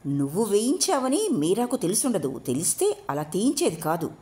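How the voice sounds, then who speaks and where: A woman's voice: mid-range voice, wildly swooping pitch, normal speed, mellow. A woman voicing a perplexed husband who questions his wives earnestly in an audiobook. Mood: questioning. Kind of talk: audiobook role reading.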